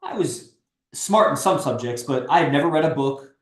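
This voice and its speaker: A man's voice: a little high, lively intonation, moderate pace, echoey room. A man in his thirties hosting a livestream, talking bluntly and persuasively and swearing freely. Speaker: stream host and coach. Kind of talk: casual livestream pep talk.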